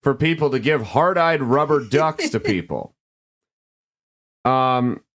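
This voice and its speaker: A man's voice: medium pitch, animated, unhurried, fairly bright tone. A man hosting a podcast, reading advice letters aloud and joking sarcastically about them in casual commentary.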